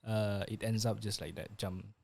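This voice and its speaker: A young man with a Malaysian accent chatting casually, repeating words haltingly as he mixes slangy Malay and Singlish-like English. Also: lowish voice, flat delivery, vocal fry, a little mellow. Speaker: podcast panelist. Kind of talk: casual chat.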